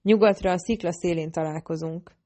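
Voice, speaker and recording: A woman reading an audiobook, voicing a terse, urgent male shadow-singer warrior who speaks in hushed, clipped commands. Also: a little high, steady tone, close to an everyday voice.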